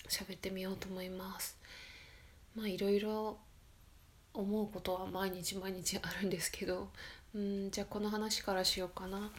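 Hosting her talk podcast late at night, a woman rambles casually and corrects herself, her quiet, low-energy voice often dropping to a whisper. Slight background noise can be heard.

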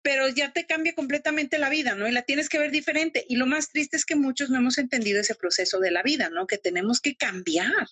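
A woman's voice: sits high, a little fast, hardly any pauses, pushed and bright, husky, no echo. A middle-aged woman with a Mexican accent, telling her story emotionally and animatedly as a guest in a casual interview. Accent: Mexican Spanish. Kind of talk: casual interview over video call.

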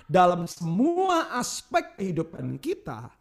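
High, gravelly-voiced male youth preacher. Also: takes it slowly. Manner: lively preaching with call-and-response and casual storytelling; refers to himself in the third person. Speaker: youth pastor. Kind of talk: sermon. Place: church youth service.

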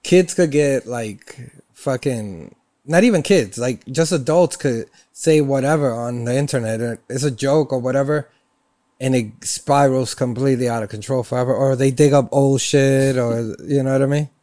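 A man co-hosting a casual chat, talking in animated, blunt, profane banter. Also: mid-range voice, moderate pace, no echo. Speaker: podcast co-host.

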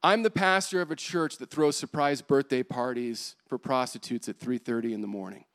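A man voicing an earnest, soft-spoken traveling preacher. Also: medium pitch, moderate pace, close to an everyday voice.

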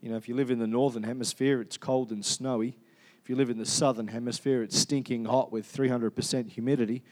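Speaking quickly at a medium pitch, a man with an Australian accent preaches a chatty sermon in a steady, darkish tone. He poses questions to the congregation and his delivery is peppered with fillers and restarts.

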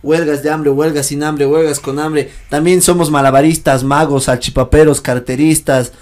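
A young man co-hosting a podcast, telling childhood stories in a joking, slangy, animated way. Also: a little high, moderate pace. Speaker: podcast co-host. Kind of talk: casual chat.

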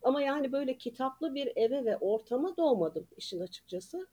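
A woman in her sixties from Ankara, speaking as a guest in a relaxed podcast chat. Her voice is warm and mellow and sits a little high. She tells long personal stories and often laughs between sentences. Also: brisk. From Ankara, Turkey. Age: 60s. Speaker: guest author and retired teacher. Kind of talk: casual podcast interview.

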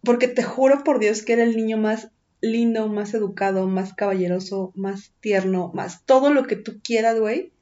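A woman with a Mexican accent tells a personal story in casual chat, animated and full of slang and swearing. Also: medium pitch, moderate pace, lo-fi sound.

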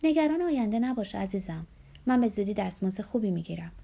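Woman playing a gentle reassuring young wife. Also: mid-range voice, big pitch swings, gravelly.

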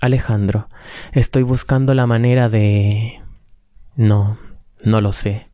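A man's voice: fairly low pitch, fairly even intonation, takes it slowly, no room sound. A man reading the part of a troubled, withdrawn husband who answers in a hesitant, defensive way. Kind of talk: amateur script reading. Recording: dull lo-fi recording.

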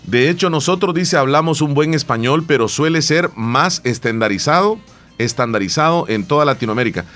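A man's voice: fairly high pitch, animated, brisk, fairly bright tone, soft background music. A man from El Salvador, co-hosting a casual chat show, rambling and repeating his words. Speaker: podcast co-host. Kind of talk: casual radio-style chat.

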